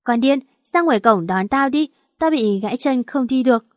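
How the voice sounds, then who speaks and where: A woman reading a first-person romance story aloud, lively and acting out the dialogue. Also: high-pitched, moderate pace, no echo, clean studio sound. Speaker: audiobook narrator.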